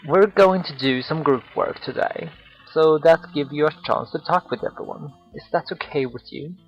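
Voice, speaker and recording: A man's voice: fairly high pitch, normal speed, lo-fi sound, faint music behind, voice pushed up, lightly acted. A man voicing a cheerful, friendly male homeroom teacher.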